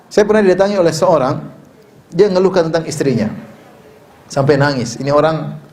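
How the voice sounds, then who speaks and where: A middle-aged male preacher giving a sermon with a slightly high voice. He talks casually and cracks jokes, then rises into forceful, emphatic appeals to his listeners. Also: a little fast. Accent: Indonesian. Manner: conversational, joking, swings to emphatic exhortation. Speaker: Islamic preacher. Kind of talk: sermon with humorous asides.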